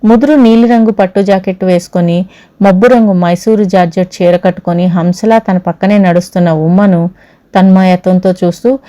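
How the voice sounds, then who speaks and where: A woman narrating an audiobook at a steady, even pace. Her voice is mellow and soft-edged. The sound is close and dry, with no room around it. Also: lowish voice, moderate pace, no room sound. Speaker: storyteller.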